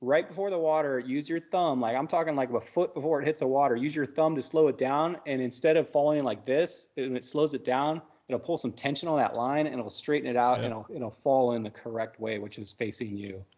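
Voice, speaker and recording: A man's voice: medium pitch, a little mellow. A man co-hosting a live fishing talk show, chatty and instructive, his voice a little worn. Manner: chatty, instructive, quick asides. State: losing his voice. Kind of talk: casual live-stream chat. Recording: dull lo-fi stream audio.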